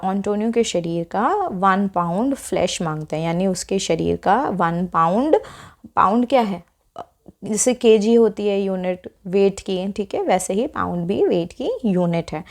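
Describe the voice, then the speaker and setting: A woman teacher explaining a textbook lesson, defining each term step by step and reading English lines slowly and deliberately. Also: mid-range voice, a little mellow. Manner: explains terms step by step, checks with frequent "okay" asides.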